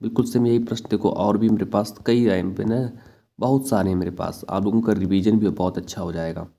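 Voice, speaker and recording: A man's voice: on the low side, fairly even intonation, brisk, vocal fry, dark tone. A young man teaching an online exam-prep class, going over correct spellings again and again and calling students "brother". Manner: repetitive, addresses students as brother, lots of tag questions.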